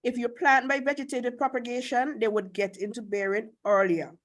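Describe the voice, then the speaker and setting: A Caribbean-accented woman with a fairly high voice teaches and takes questions live. She is blunt and emphatic, and keeps putting questions to her students. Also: fairly even intonation, a little fast. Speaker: agriculture instructor.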